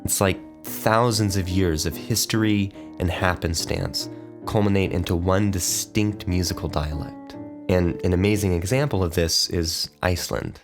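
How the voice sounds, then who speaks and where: A man's voice: sits low, moderate pace, over music. A man hosting a podcast, narrating a scripted intro and then chatting easily with a guest. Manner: easygoing, conversational. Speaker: podcast host and interviewer.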